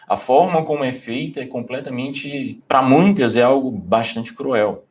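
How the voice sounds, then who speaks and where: A man explaining baby sleep techniques to parents, asking rhetorical questions and repeating his points. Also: medium pitch. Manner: repetitive, rhetorical questions, restarts.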